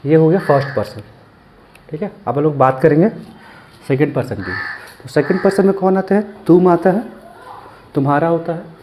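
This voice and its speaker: A man giving a language lesson, slowly repeating each word and asking and answering his own questions. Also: on the high side, a little mellow, a little hiss or hum. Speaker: language teacher.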